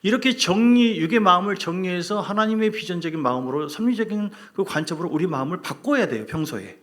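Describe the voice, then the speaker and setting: A male pastor preaching a lively sermon in a fairly high voice. He talks to the congregation in a conversational way and keeps asking them questions. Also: fast. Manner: animated, acts out quarrels in a loud put-on voice.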